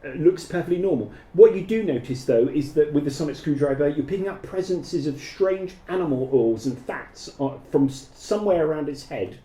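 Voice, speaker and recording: A man's voice: on the high side, brisk, few pauses, dark tone. A man running a tabletop game as game master, describing scenes and calling for dice rolls. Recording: echoey room.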